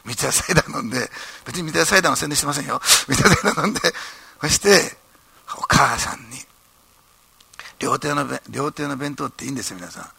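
A man preaching a sermon, telling a story in an animated way and tagging his phrases with "ne". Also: mid-range voice, fast talker, gravelly, breathy edge, dry recording. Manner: animated storytelling, frequent ね tags. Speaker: pastor.

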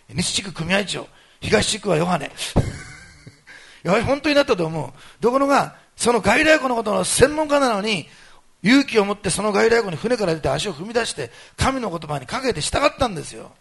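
A man preaching a sermon to his congregation, telling the story in a lively way that swings between loud exclamations and quiet asides. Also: high-pitched, creaky, slightly rough. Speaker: pastor.

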